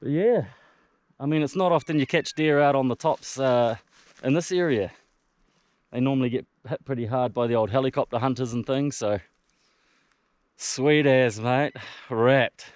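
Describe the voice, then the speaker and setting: A man's voice: mid-range voice, brisk, a little mellow, no echo. A man with a broad New Zealand accent, chatting casually and slangily outdoors as a hunter making a vlog. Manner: laid-back, slangy, mild swearing. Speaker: hunter filming own trip. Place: outdoors on open mountain tops.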